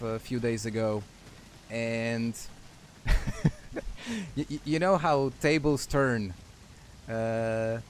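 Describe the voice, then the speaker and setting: A man's voice: medium pitch, darkish tone, slight background noise. A man from Poland chatting casually with viewers while streaming a game, laughing often and trailing off mid-thought. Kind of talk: casual chat while gaming.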